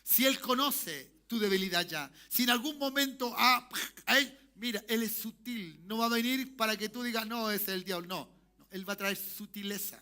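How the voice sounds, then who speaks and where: A man preaching a sermon as pastor, shifting from soft talk to shouted calls for amen. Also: very high voice, moderate pace. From Chile. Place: church sanctuary.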